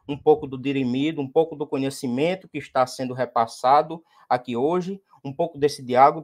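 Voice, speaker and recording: High-pitched guy w/ northeastern brazilian accent teaching poetry meter, recites verses punchy. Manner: declaims recited verses with emphasis. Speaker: poet teaching a workshop for teachers. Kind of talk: lecture on poetic meter.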